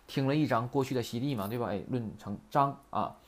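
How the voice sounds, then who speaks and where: A man's voice: mid-range voice, a little fast. A man teaching Japanese grammar in a chatty lecture, often asking rhetorical questions. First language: Mandarin.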